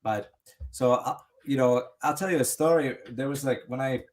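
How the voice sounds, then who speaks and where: An American man, a native English speaker, tells stories casually on a podcast, rambling loosely and restarting his sentences often while dropping plenty of "you know"s. His voice sits in the mid range and he speaks at a normal speed.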